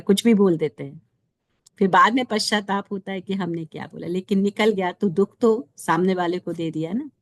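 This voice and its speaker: A woman's voice: on the low side, no room sound, clean studio sound. A woman giving a devotional sermon, explaining patiently and often asking rhetorical questions. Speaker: spiritual teacher explaining a daily lesson.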